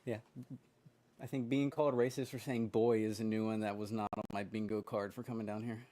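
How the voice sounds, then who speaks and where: A man with a fairly low voice chimes in as a guest during a casual chat. He adds short, wry comments between the host's story. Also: level tone, brisk, dark tone.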